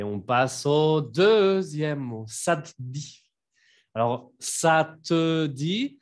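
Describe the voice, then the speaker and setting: A man from France, teaching phrases in a patient online lesson and repeating each phrase slowly for learners. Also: on the high side. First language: French. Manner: writes on a board while explaining. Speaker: French teacher.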